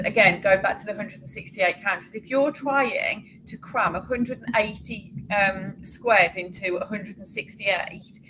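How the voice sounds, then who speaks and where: Woman host, middle pitch, steady advice-giving tone, slight hiss behind. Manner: earnest, practical, advice-giving. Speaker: podcast host. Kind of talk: casual conversational interview.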